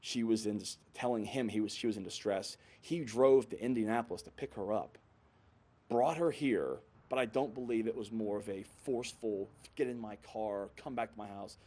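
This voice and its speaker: A man speaks off the cuff in a news interview. His voice is fairly low and dark, and he halts and repeats himself. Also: normal speed. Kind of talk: spontaneous interview soundbite.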